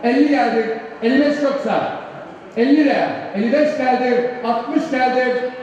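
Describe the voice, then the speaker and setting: A man's voice: extremely high pitch, normal speed, darkish tone, muffled recording. A man working as an auctioneer, calling out rising bids in a repetitive chant of numbers. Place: large reverberant indoor public space. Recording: echoey hall, distant mic, noisy background.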